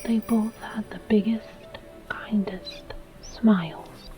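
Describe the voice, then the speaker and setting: A woman whispers a scripted story in soft ASMR style. Her delivery is very unhurried, with gentle, deliberate phrasing. Music plays quietly underneath. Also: medium pitch, fairly even intonation.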